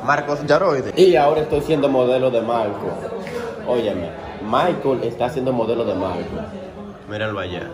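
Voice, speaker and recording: A man's voice: medium pitch, normal speed. A man chatting casually and jokingly with exclamations, recorded indoors in a house. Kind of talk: casual chat. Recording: roomy indoor audio, loud group chatter.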